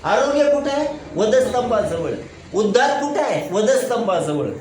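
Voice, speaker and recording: A man's voice: extremely high pitch, big pitch swings, moderate pace, a little mellow. A pastor leading a Bible study. He asks the congregation questions, answers them himself and keeps asking "right?". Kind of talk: Bible study sermon with call-and-response questions. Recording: echoey room with background noise.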